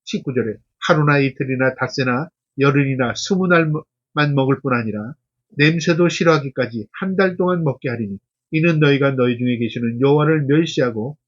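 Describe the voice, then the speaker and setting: A man's voice: medium pitch, fairly quick, dull audio. A middle-aged man, a pastor, preaching an earnest expository sermon, reading scripture aloud and then explaining it. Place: church.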